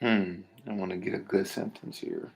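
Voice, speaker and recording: A man's voice: low voice, steady tone, moderate pace, vocal fry. A man teaching a language lesson to a class. He keeps checking in with "right?" and puts questions to the students. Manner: checks in often with "right?" and "all right?"; asks the class questions and waits. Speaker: Hebrew teacher.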